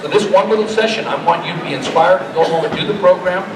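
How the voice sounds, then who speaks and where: A middle-aged man giving a live demonstration and pitch to an audience in a folksy, joking, motivational way, as a trainer. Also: quick pace. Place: large indoor horse expo arena. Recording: echoey expo hall, distant, crowd noise. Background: crowd.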